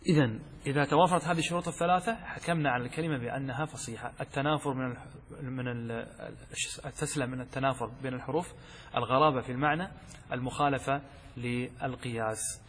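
A man teaching a lesson as a sheikh. He explains step by step, asks questions and answers them himself, and slowly chants the verses he quotes. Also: mid-range voice, a little hiss or hum. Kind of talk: classroom lesson explaining a text. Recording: long hall reverb.

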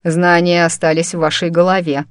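A composed young man questioning a suspect, speaking mildly and evenly in a lowish voice, as a female narrator reads him. There is no drama in his delivery, only a measured calm. The sound is dry and close. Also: clear, resonant tone, dry recording, lightly acted. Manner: mild, even, unhurried.

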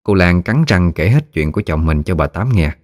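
A man with a Mekong Delta Vietnamese accent narrating a folksy village story in an easy, unhurried way. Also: deep voice, lively intonation, no room sound, studio quality.

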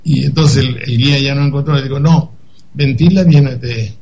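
Older guy on the radio, mellow voice, tells stories doing all the voices, bit of faint hiss. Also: medium pitch, normal speed, gravelly, low-quality recording. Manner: animated storyteller acting out dialogue, digressive. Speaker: radio commentator. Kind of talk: anecdotal radio commentary.

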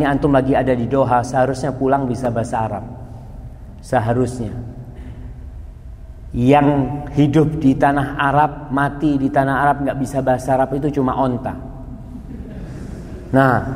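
A man preaching to a congregation, lively and full of rhetorical questions, his voice jumping high when excited. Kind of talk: Islamic lecture to a congregation. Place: lecture hall. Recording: long hall reverb.

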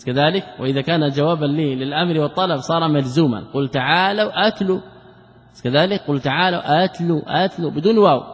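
Teaching sheikh in a reverberant hall. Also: male voice, fairly high pitch. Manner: asks rhetorical questions and answers them himself; repeats key words for emphasis. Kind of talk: classical religious lesson commentary. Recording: dull lo-fi recording with long hall reverb.

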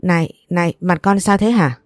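Brief: a female narrator doing an angry older mother-in-law in an audio story, low voice, dry sound. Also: moderate pace, no room sound, soft background music, lightly acted. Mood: outraged. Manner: harsh, scolding, accusing.

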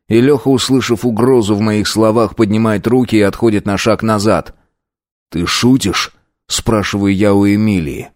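A man's voice: fairly low pitch, a little mellow, no echo, studio quality. A man reading a first-person novel aloud as an audiobook, tense and brooding. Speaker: audiobook narrator.

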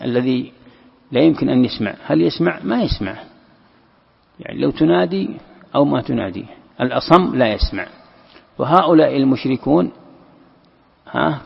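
A man teaching a Quran commentary lesson, explaining step by step, repeating key phrases and slowing down to recite verses. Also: medium pitch, creaky, husky. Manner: explains step by step, repeats key phrases, asks and answers his own questions. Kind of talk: classroom commentary on a classical text. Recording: lo-fi recording in a long-reverb hall.

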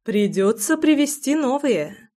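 A woman's voice: high voice, big pitch swings, a little slow, dark tone, pitched above the performer's own voice. A woman voicing a blunt, feisty young wife in an audiobook, grumbling and teasing in a voice close to her own.

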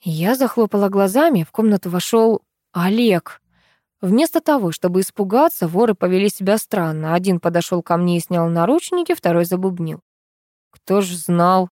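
A woman narrating a first-person novel as an audiobook, lively and jumping up in pitch on exclaimed lines. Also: a little fast, no room sound, studio quality.

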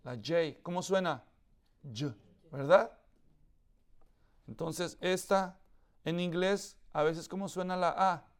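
High, clear-voiced preacher. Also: male voice, takes it slowly, long pauses. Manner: asks the audience questions often; explains with everyday examples. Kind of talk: sermon teaching to a congregation.

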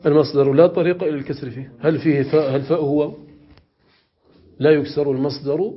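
A man teaching Arabic grammar in a classroom lesson, questioning his students and repeating examples slowly. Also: on the high side, fairly even intonation, dull audio. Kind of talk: classroom lesson explaining morphology.

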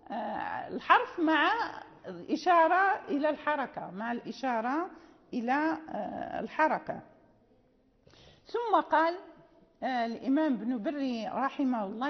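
High-voiced woman teaching recitation rules. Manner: explanatory, repeats terms and slowly recites example verses. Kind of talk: classroom lecture on recitation rules. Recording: dull, reverberant lecture recording.

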